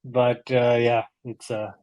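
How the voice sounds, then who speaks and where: A man's voice: medium pitch, little pitch movement, slow pace, a little mellow, clean tone, highs cut off. Man thinking aloud in casual chat. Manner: thinks aloud, hesitant restarts, frequent laughs. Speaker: quiz contestant and co-host.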